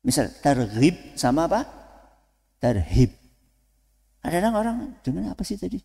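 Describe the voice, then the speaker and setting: A man preaching to students in a lively way, asking the audience questions and then answering them himself. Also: sits high, racing, vocal fry, husky. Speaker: Islamic preacher. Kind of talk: lecture to students. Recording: long hall reverb.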